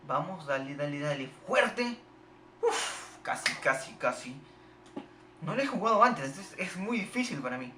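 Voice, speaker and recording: Excitable swearing gamer with lively pitch. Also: male voice, unhurried, noisy background. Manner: excitable, swearing, shouting at the game. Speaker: gamer playing a game on video. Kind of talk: live gameplay commentary. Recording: echoey room with game music behind.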